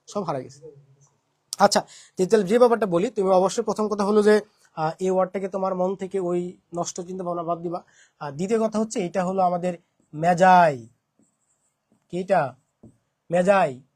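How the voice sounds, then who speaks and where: A young man with a Bangladeshi Bengali accent teaches an English lesson for admission prep, asking questions and repeating his points. His voice sits high and is a little mellow.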